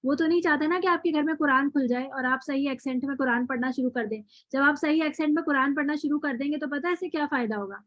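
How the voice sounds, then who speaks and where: In an online Quran recitation class, a woman encouragingly praises her students, then shifts into a motivational talk punctuated with questions. Her voice is high-pitched and fairly bright with few pauses, heard through dry, dull lo-fi call audio with no room sound.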